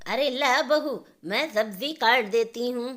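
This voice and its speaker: A woman voicing a kindly older mother-in-law who talks in a soft, coaxing way. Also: a little high, slow pace.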